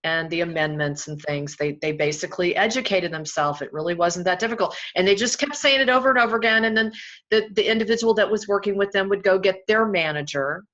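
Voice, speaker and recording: A woman's voice: medium pitch, quick pace, a bit bright, highs cut off. A woman hosting a casual interview, speaking emphatically and addressing the audience. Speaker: host.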